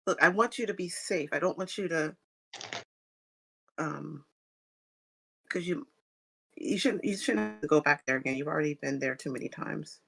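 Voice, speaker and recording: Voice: medium pitch, gravelly, pushed and bright. A game master voicing a weary, pleading woman. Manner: hesitant, halting pleas.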